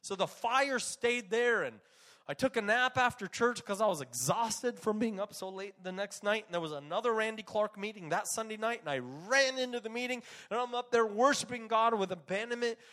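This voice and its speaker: A man preaching a testimony sermon as an animated storyteller, swinging from loud bursts to hushed passages. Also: high-pitched, normal speed.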